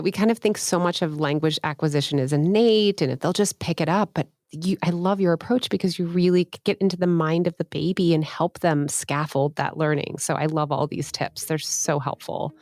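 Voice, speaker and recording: A woman's voice: on the low side, fairly quick, hardly any pauses, no room sound, studio quality. A woman hosting a parenting podcast, affirming her guests and asking questions. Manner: warm, affirming, asks questions. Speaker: podcast host. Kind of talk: podcast interview and ad read.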